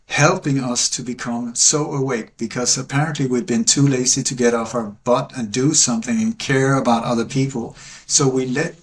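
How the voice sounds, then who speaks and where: Earnest man preaching to a podcast host. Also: mid-range voice. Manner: earnest, emphatic, preaching cadence. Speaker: podcast guest. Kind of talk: conversational interview.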